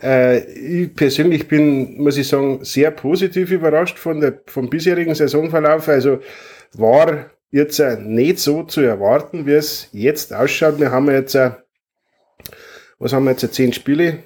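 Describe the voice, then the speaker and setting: A man's voice: a little high, moderate pace, a little mellow. A man, a stadium announcer invited as a guest, talking casually with many fillers and restarts. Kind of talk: casual chat.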